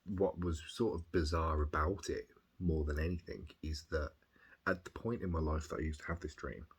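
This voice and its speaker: A man with a Birmingham accent talking casually and reflectively in a video diary, husky, rambling and hesitant as he thinks things through. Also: a bass voice, normal speed. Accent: Birmingham English. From Birmingham, England. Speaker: video diarist. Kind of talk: casual reflective chat, recounting.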